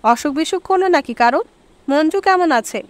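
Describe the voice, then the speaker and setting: A woman's voice: sits high, animated, normal speed, no room sound, voice pushed up. Brief: plain-spoken young husband in an audiobook, matter-of-fact, a woman narrator's voice. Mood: mild. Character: mild practical young husband.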